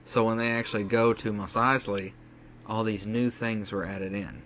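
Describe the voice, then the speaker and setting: A man's voice: lowish voice, steady tone, normal speed, a bit bright, slight background noise. A man co-hosting a casual podcast, chatting enthusiastically and acting out quotes. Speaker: podcast co-host. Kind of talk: casual chat.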